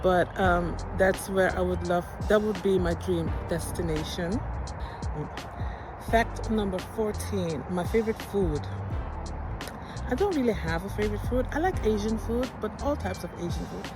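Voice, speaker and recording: Outdoors beside a field, a Surinamese life coach whose native language is Dutch talks in a relaxed, expressive way for her vlog. She has a mid-range voice and a moderate pace, with music playing behind her on poor audio.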